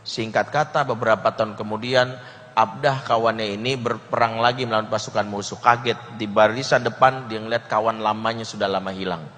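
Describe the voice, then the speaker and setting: A man preaching a storytelling sermon, animated and dropping slangy jokes between tales. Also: on the low side. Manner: animated, joking asides in slang. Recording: reverberant hall.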